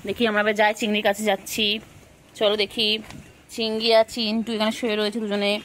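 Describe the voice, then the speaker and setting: A woman's voice: medium pitch, monotone, brisk, a bit bright, a little hiss or hum. Woman cooing baby talk to her cats. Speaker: cat owner filming her pets.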